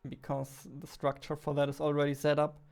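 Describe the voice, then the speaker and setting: Working at his desk, a young man who makes indie games and vlogs jokes at his own expense as he thinks out loud. He speaks fairly quickly in a fairly high, smooth, slightly mellow voice with a completely flat delivery. The setting is indoors at a computer.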